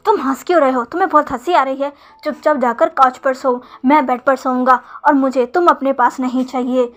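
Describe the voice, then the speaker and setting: A woman's voice: high-pitched, fairly even intonation, a little fast, lightly acted. A woman voicing a cold, arrogant rich young man who gives curt commands, in a storybook retelling.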